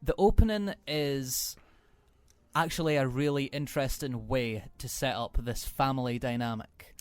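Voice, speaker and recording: A man co-hosting a radio film podcast, giving measured views and often agreeing, thinking aloud as he talks. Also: mid-range voice, clean tone. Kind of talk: casual film review chat. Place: radio studio.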